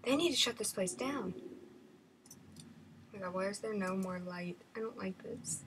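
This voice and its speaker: A woman's voice: mid-range voice, a little slow. A woman giving horror game commentary, nervous and jumpy, often dropping into half-whispered asides. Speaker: gamer. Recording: loud background noise.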